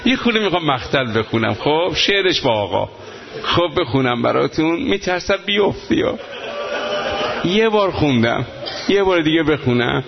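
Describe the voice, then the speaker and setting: A man leading a mourning gathering, talking casually to the listeners and breaking into slow, wailing chanted elegy. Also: a little high, expressive, vocal fry, crowd noise. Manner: talks casually to the gathering, then chants in slow, drawn-out wails. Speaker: eulogist reciting mourning elegies. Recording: dull lo-fi sound.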